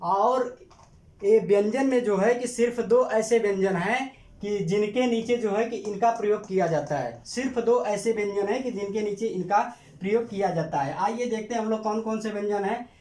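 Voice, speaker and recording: A man's voice: high voice, darkish tone. Echoey male teacher repeating terms. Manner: repeats questions and answers them himself; drawn-out emphatic repetition of terms. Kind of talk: classroom grammar lesson.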